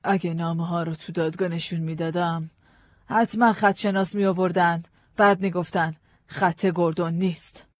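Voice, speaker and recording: A woman's voice: medium pitch, a little mellow, dry recording, natural voice. A woman voicing a frightened, guarded wife who speaks hesitantly and pleads, in a dry audiobook recording. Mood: anxious. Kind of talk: audiobook drama reading.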